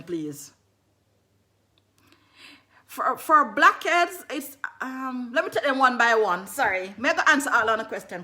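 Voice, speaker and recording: This herbalist from Jamaica sells skincare over a livestream, her bright, high voice chatty and casual. She often says lines twice and breaks off mid-sentence to welcome viewers, all with animated energy.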